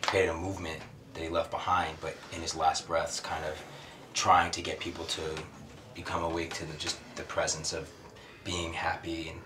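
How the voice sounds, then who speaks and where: Low-voiced man, distant and echoey. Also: completely flat delivery. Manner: halting, searching for words. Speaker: interviewer. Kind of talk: casual conversational interviewing. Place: small sauna. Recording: distant, echoey, noisy room.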